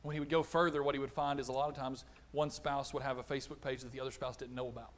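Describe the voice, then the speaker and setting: A middle-aged man preaching a conversational sermon, animated, acting out little exchanges. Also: mid-range voice, rapid-fire. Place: church auditorium.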